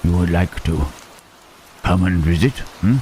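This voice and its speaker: Speaking a little slowly in a deep voice, a male voice actor brings Frankenstein's monster to life in an ASMR roleplay: a lonely, gentle, shy creature who halts, stammers, and talks formally. The mood is tender and shy, with soft questioning "huh," "eh," and "hmm," and a little hiss or hum in the recording.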